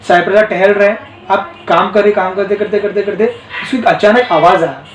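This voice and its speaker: A man, a teacher casually telling a story to his students, repeating himself and breaking off for asides to his listeners. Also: high-pitched. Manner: rambling and repetitive, with asides to listeners. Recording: roomy echo, distant mic, faint noise.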